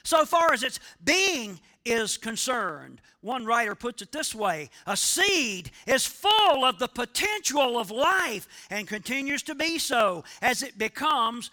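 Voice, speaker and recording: Middle-aged preacher man, real high bright voice, takes it slow, emphatic, gets the crowd to answer back. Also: very animated. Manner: emphatic preaching with call-and-response asides. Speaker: pastor. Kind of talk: sermon.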